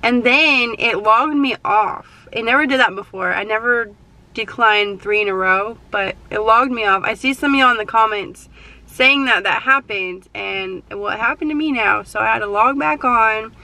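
A young woman who vlogs about delivery driving chats casually to viewers from her parked car between orders, rambling and filling her talk with "like." Her voice is a little high and pushed and bright, at normal speed, and the recording is rough.

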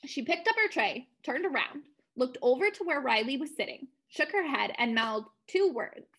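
A woman narrating a children's mystery story aloud with expressive, clear narration. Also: high voice, normal speed, low-quality recording.

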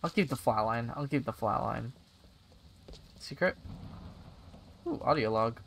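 A young man with a gravelly, fried edge to his voice, commentating his game at an unhurried pace. He is excitable and giggly, thinking out loud between bursts of delight, with faint hiss behind. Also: mid-range voice. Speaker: streamer. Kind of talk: casual gameplay commentary.

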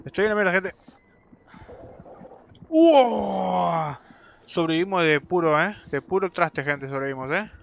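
A young man from Argentina streams his gameplay, speaking fast with hardly any pauses in a voice on the high side and a bit bright, over slight background noise. He talks right to his viewers in chatty commentary, swearing and yelping when fights go wrong.

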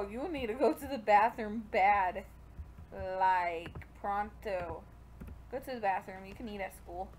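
A young gaming video creator speaks at a medium pitch over slight background noise. Pregnant and hot, she chats casually through her gameplay, talking directly to the on-screen characters.

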